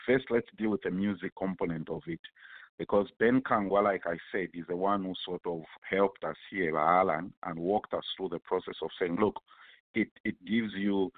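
Low-voiced Zambian man hosting casual radio. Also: no echo, phone-quality sound. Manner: repeats phrases for emphasis. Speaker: radio show host. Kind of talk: casual live radio chat.

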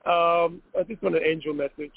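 A man's voice: on the high side, fairly even intonation, fairly quick, vocal fry, dry recording. A man from New York calling in to a radio show over a phone line, speaking briefly and politely. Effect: heard over a phone line. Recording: tinny dry phone line.

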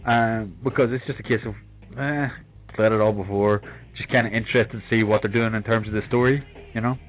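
A man's voice: on the low side, fairly even intonation, a little fast. Tinny-sounding man with an Irish accent. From England. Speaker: gaming podcast co-host. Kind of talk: casual chat, swearing freely. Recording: tinny phone-like voice call, music behind.

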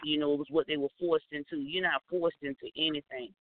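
A man's voice: fairly high pitch, fairly even intonation, a little fast. A man co-hosting a talk radio show, chatting casually with a guest and encouraging him with frequent murmurs. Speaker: radio co-host. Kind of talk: casual interview chat. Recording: tinny phone line.

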